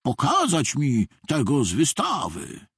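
Storybook: a reader putting on a pushy, puffing fat customer, husky and unhurried. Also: medium pitch, wildly swooping pitch, no room sound, studio quality, exaggerated voice. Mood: demanding. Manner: rude, demanding. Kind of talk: storybook reading.

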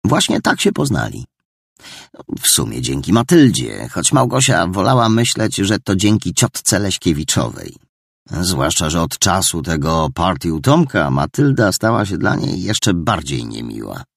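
Man, audiobook narration, low and gravelly, husky, lively intonation, dry close sound. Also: unhurried, dry recording. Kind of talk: scripted narration.

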